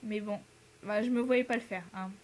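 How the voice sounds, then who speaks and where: Her voice sits in the mid-range, steady and at normal speed. The speaker is a French teenager on exchange, casually chatting to the camera with plenty of fillers, laughs and mixed-in English.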